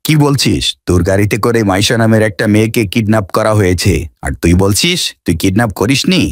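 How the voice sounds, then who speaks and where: A man's voice: lowish voice, lively intonation, fast, dry recording, studio quality, close to an everyday voice. A man playing a stern cartoon police officer. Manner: stern, commanding.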